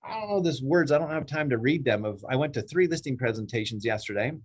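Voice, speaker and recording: A middle-aged man coaches his agents in a loose, rambling team meeting. His voice sits at an ordinary middle pitch and talks at a steady pace. He keeps breaking into raised, playful voices to act out clients. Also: fast talker, husky. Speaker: real estate team leader coaching agents. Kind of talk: casual coaching talk.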